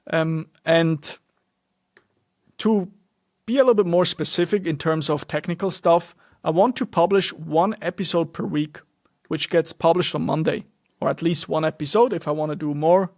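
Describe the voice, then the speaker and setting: This young Swiss man's voice sits on the high side and moves at a moderate pace, recorded with studio quality and no room sound. A German native speaker, he talks in English as the host of a solo podcast, earnest and loosely structured, with frequent restarts and fillers.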